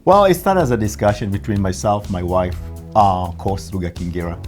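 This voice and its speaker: A man from Tanzania, an oral surgeon, talking casually in an interview at his dental office with a lapel mic, pausing and slowing on words. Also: fairly low pitch, sing-song, soft background music. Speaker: guest dentist, oral surgeon.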